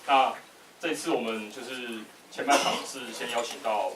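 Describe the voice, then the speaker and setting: A man's voice: mid-range voice, fairly even intonation, normal speed, far from the mic. A man hosting an event with an informal, loosely worded and somewhat hesitant introduction. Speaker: event host. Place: indoor event room with audience. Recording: echoey room from afar, noisy.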